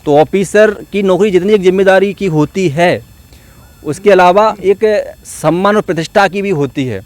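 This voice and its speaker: A man's voice: high voice, moderate pace, no echo. A man, a coach giving an earnest, encouraging motivational talk to his students at an outdoor gathering. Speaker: coach at a police exam academy.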